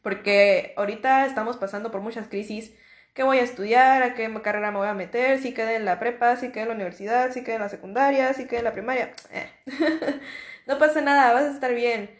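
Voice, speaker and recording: A woman's voice: a little high, fairly quick, roomy sound. A young woman with a Mexican accent hosting a podcast, talking casually in a slangy, reassuring, repetitive way. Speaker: podcast host. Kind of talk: casual motivational monologue.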